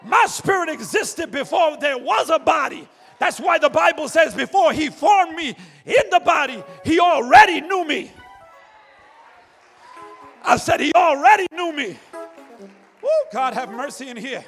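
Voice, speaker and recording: High, gravelly shouting preacher man. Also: lively intonation, unhurried. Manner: fervent, shouting, repeating hallelujah. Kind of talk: sermon. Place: church sanctuary. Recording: long church reverb with faint music.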